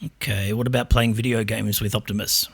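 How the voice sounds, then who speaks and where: A man with a low voice hosts a casual podcast. He questions his AI guest in a relaxed, probing way, and the recording sounds dry and close. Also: fairly quick, creaky, husky, dry recording. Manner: relaxed, probing, with frequent ums. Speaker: podcast host. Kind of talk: casual tech podcast chat.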